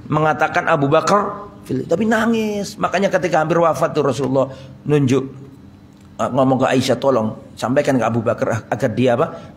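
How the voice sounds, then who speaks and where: A male preacher with a somewhat high voice tells stories in a mosque study sermon. He reads short Arabic phrases, explains them in with a slight colour, and keeps asking his listeners questions. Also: a little hiss or hum. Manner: storytelling, reads Arabic then explains in Indonesian, asks the audience questions. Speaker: Islamic preacher.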